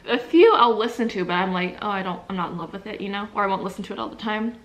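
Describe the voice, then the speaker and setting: A woman's voice: medium pitch, quick pace. A young woman vlogging at home, chatting casually to camera between bites of a sandwich, rambling with lots of likes and restarts. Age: young adult. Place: at home indoors by a window.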